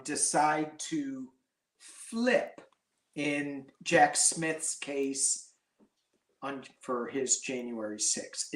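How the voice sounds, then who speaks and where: Slow-talking man in an echoey room. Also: a little high, fairly bright tone. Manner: slow, joking, self-mocking. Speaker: tarot reader guest. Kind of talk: casual chat reading tarot cards.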